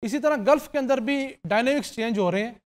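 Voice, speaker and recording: Male guest, earnest explainer, quick and high. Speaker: guest discussing Gulf prisoners.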